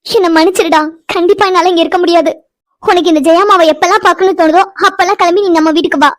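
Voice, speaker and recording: A woman's voice: extremely high pitch, steady tone, very fast. A woman voicing a caring, motherly woman in a cartoon who speaks soothingly and affectionately. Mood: tender. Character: caring motherly older woman, gentle but firm. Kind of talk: cartoon voice acting.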